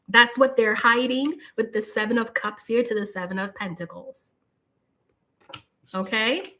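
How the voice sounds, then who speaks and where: A tarot reader gives a live reading, speaking straight to the viewer with lots of "like" fillers and firm warnings. Her voice is mid-range and fairly bright.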